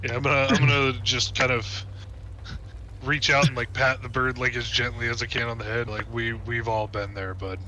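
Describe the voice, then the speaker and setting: A man's voice: mid-range voice, level tone, normal speed, sharp tone, slight background noise, low-quality recording. A man playing a tabletop game, describing his actions in a rambling way full of likes. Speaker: player. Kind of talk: casual tabletop chat.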